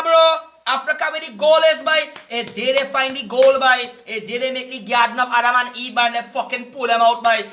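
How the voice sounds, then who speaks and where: A man's voice: extremely high pitch, pushed and bright. A man with a Trinidadian accent delivering a heated, profanity-filled preaching rant, repeating himself as he goes. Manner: heated, cursing, repetitive. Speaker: vlogger.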